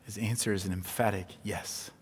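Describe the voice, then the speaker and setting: A man preaching an evening sermon in an earnest way, rising in intensity as he retells scripture and then going quiet and low. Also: steady tone, normal speed, a little hiss or hum. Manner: earnest, builds in pitch and volume when retelling, then drops soft and low. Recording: long hall reverb.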